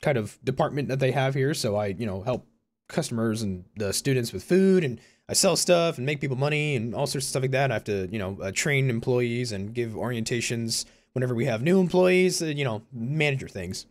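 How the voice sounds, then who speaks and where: An animated young man in his early twenties talks fairly quickly in a mid-range voice with a Californian American accent; he's from Concord, California. A YouTuber and university student, he rambles casually to his viewers in a personal vlog, self-correcting often and leaning on "you know" and "like".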